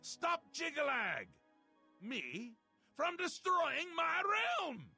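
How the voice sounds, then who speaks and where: A man's voice: huge pitch swings, very slow, gravelly, pushed and bright, faint music behind, heavily acted. A man playing a mad, theatrical ruler-god of madness in a fantasy game, flamboyant and mercurial, swinging between glee and menace. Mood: agitated. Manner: flamboyant, swinging from gleeful cries to low menace. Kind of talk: fantasy game character acting.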